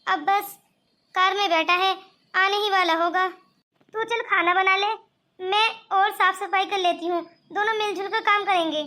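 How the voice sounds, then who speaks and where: A woman's voice: extremely high pitch, steady tone, a little slow, bright, forceful tone, full character voice. A woman voicing an older, bossy mother-in-law in a cartoon, who talks in a scheming, commanding way. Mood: warm. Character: older mother-in-law, sharp-tongued turned kind. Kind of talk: cartoon voice acting.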